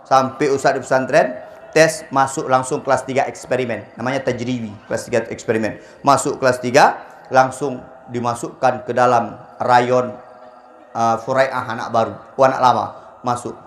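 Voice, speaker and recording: A man's voice: mid-range voice, moderate pace, a little hiss or hum. A man, preaching a humorous sermon and acting out the people in his stories. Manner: animated storytelling, acts out quoted voices. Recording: echoey hall with faint ambience.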